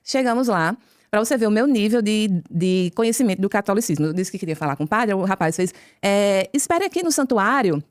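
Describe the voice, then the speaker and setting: Woman, Brazilian Portuguese accent, guest telling her testimony, animated storyteller acting out dialogue, rapid pace, dry close recording. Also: medium pitch, smooth, no room sound. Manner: lively storyteller who acts out dialogue. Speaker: podcast guest. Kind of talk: conversion testimony told as a story.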